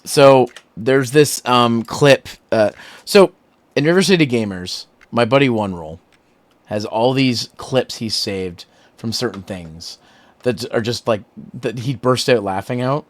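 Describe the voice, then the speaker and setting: A male streamer chatting casually over a game, laughing often and rambling with animated energy. His voice sits mid-range and sounds dry and close. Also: mid-range voice, measured pace, dry recording.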